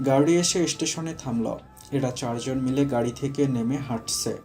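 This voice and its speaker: A man narrating a romantic audio story in a steady storytelling manner. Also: mid-range voice, moderate pace, faint music behind.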